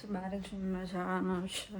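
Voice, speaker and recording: A woman's voice: medium pitch, monotone, moderate pace, a little hiss or hum. A woman teacher chatting casually at home, teasing back. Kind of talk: casual family chat. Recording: echoey, from a distance.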